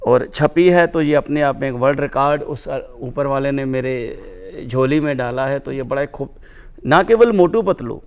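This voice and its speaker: A man's voice: medium pitch, normal speed, clear, resonant tone. A middle-aged man, a cartoonist guest, talking in a reflective interview with lofty, philosophical phrasing and recited couplets.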